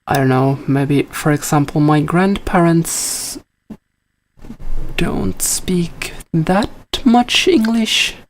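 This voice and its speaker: A Finnish man whose first language is Finnish, speaking with a Finland-Swedish accent, codes live while casually thinking aloud and answering a question from chat. His voice is a little high with fairly even intonation, and he takes it slowly, using many fillers.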